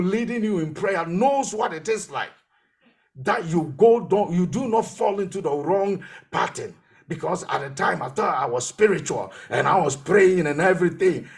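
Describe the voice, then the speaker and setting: A man's voice: sits high, darkish tone. A man pastor preaching a sermon, telling his own testimony and repeating phrases for emphasis.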